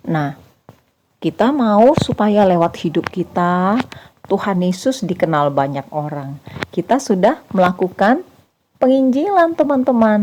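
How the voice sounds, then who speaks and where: A young woman giving a lively children's church sermon, addressing the kids directly and acting out small voices and exclamations. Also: mid-range voice, a little hiss or hum. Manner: animated, acts out little voices and exclamations for kids.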